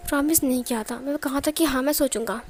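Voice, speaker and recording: A woman's voice: sits high, quick pace, soft background music, lightly acted. A woman voicing an emotional, teasing young man who speaks in tearful, hesitant lines in a read-aloud story.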